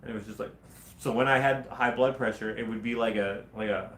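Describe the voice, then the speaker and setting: A man's voice: fairly low pitch, steady tone, fairly quick, a bit bright, slight background noise. A man co-hosting a podcast, chatting casually with slangy banter. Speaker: podcast co-host. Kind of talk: casual chat. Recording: echoey room.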